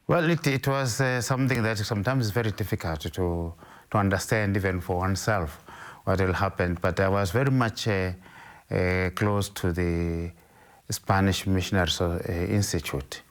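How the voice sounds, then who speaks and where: With a low voice, a middle-aged Ndebele-speaking bishop from Zimbabwe stumbles through interview questions. He often starts over as he answers.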